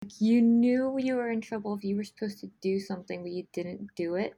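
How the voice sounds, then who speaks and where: A woman in casual chat, relaxed and wry as she recalls things. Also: medium pitch, brisk, creaky, slightly rough.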